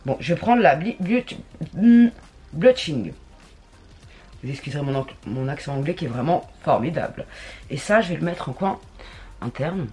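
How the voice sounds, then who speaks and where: A woman's voice: low-pitched, lively intonation, normal speed, darkish tone, slightly rough, soft background music. A woman chatting casually through a makeup tutorial, slangy and talking to herself as she works. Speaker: beauty vlogger.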